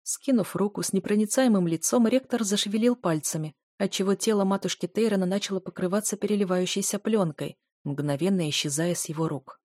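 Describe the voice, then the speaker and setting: A woman narrating a first-person fantasy audiobook in a steady storytelling manner. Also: mid-range voice, fairly quick, hardly any pauses, dry recording, clean studio sound.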